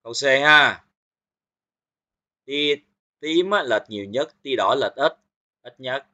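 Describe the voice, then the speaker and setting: A man's voice: medium pitch, lively intonation, takes it slowly, pushed and bright. A man teaching physics, going through exam questions one by one and checking in with his students often. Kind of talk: exam review lesson.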